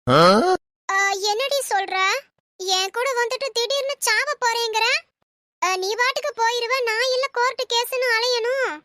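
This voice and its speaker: A shrill, very high and piercing old auntie in a cartoon comedy. She scolds and bickers with sarcasm, bossy and quick-tempered. The recording is dry and close. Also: steady tone, bright, forceful tone, no echo. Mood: sarcastic. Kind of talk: animated comedy voice acting.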